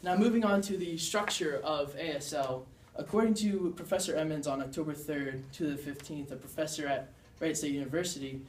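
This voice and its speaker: A man's voice: a little high, fairly quick, few pauses, slight background noise. Young man giving a class talk from afar. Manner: earnest, demonstrating signs while explaining. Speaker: student presenter. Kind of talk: class presentation. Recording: echoey room, mic far off.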